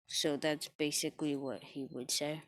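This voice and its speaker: A woman rambling through an improvised fan story, halting and correcting herself with fillers and apologies. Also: sits low, steady tone, a little hiss or hum.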